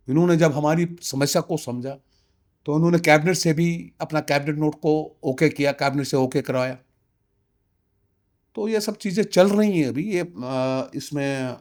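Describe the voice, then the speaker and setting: A slightly high, darkish voice belongs to this interviewee, a Kashmiri man near sixty representing his community. He delivers forceful, insistent testimony laced with rhetorical questions and occasional English phrases.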